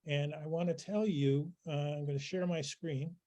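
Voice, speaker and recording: Hoarse man hosting an online event. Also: on the high side, steady tone, mellow. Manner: halting, with many fillers. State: lost his voice. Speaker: event host.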